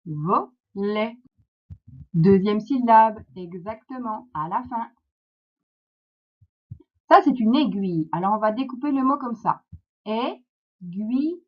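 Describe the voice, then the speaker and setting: Woman, French accent, primary teacher, very slow encouraging delivery, muffled lo-fi recording. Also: medium pitch, animated. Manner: slow, clear, encouraging, syllable by syllable. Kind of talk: phonics lesson for young children. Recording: dull lo-fi sound.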